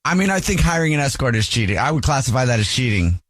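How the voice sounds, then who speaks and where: A man's voice: mid-range voice, sing-song, fast, fairly bright tone, dry recording, clean studio sound. A man hosting a radio talk show, speaking plainly and directly.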